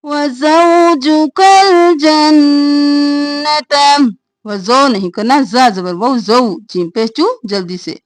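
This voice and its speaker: A woman teaching Quran recitation with tajweed. She draws out recited syllables slowly, then explains each rule in brief asides. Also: medium pitch.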